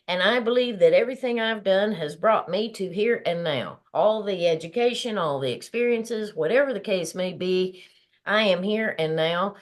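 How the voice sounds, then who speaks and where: A woman in her fifties hosting a motivational talk show, earnest and encouraging, often laughing as she talks. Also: on the low side. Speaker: podcast host.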